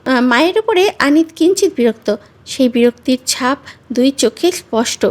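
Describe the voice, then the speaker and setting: A woman reads a romantic story aloud in a high voice, measured and expressive. Her scripted narration moves steadily from one scene to the next.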